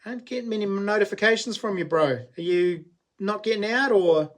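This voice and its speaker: With a high-pitched voice at normal speed, a New Zealand man in his late forties chats through his livestream, picking up comments and responding. His broad accent and slangy, blokey style keep it relaxed.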